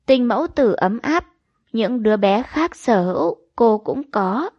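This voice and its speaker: A woman reading a crime novel aloud as an audiobook narrator, in an even, measured storytelling manner. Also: fairly high pitch, dry recording, dull audio. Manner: even, measured storytelling with quoted dialogue read in.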